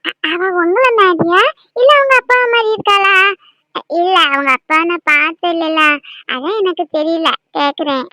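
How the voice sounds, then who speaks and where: A sweet, naive young girl from a cartoon asks innocent questions. Her voice is very high and bright, recorded close and dry. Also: normal speed, no room sound. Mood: curious.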